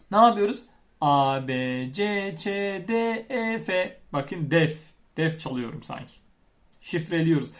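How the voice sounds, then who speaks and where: A man teaching young children as their primary school teacher, chanting the alphabet and speaking to them directly in a lively classroom manner. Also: sits high. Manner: animated, chants letters, addresses children directly.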